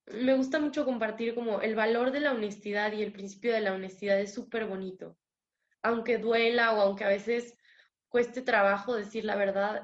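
A woman's voice: on the high side, highs cut off. A young woman with a Mexican Spanish accent, speaking candidly as a guest in an interview and telling her personal story, sometimes acting out the dialogue. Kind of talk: personal testimony.

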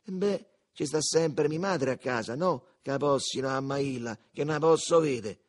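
A man's voice: mid-range voice, normal speed, voice pushed up, natural voice. A man voicing Lenzetta, a cocky Roman street boy, with a brash, mocking Roman accent in an audiobook. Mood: grumbling. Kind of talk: audiobook character voice.

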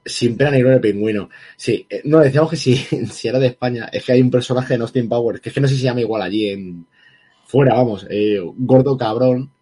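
A man's voice: medium pitch, quick pace, warm tone, slightly rough. A man co-hosting a casual film review chat, heated and emphatic, swearing freely. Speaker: podcast co-host reviewing a film.

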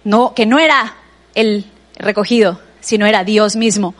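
A woman's voice: mid-range voice, a little slow. A woman with a Mexican Spanish accent preaching a sermon in a conversational way, often turning to address the listener directly.

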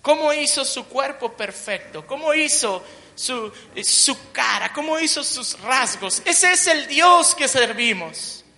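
Slow, bright-voiced woman preacher. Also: sits high, expressive, a little hiss or hum. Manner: emphatic, repetitive build-ups with joking asides. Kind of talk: sermon. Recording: long reverb of a large hall.

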